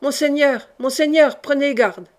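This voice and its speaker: A woman's voice: on the high side, a little slow, a little mellow, natural voice. A woman voicing a brutish, insulting male guard in a French audiobook, bellowing and jeering.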